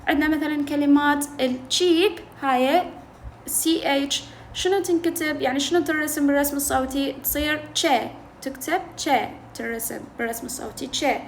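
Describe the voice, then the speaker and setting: A woman tutor with an Iraqi Arabic accent explaining a linguistics textbook to students. She asks questions and answers them herself, repeats key terms, and reads English lines slowly. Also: high-pitched. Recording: echoey room with faint noise.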